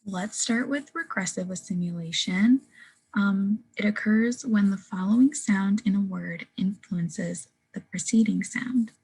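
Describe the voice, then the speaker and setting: A woman's voice: mid-range voice, a little slow, darkish tone, rough recording. A young woman giving a class presentation on phonetics, earnest and full of "um" fillers. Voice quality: very husky. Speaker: student presenter.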